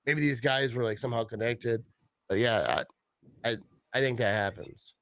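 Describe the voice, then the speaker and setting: Easygoing halting male host. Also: mid-range voice, a bit bright, no echo, clean studio sound. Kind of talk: casual live-stream chat.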